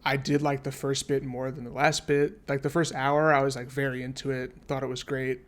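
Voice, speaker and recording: A man's voice: medium pitch, little pitch movement, fairly quick. A young man co-hosting a casual podcast, rambling through a movie review with plenty of fillers. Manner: easygoing, rambling, many fillers. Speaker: podcast co-host.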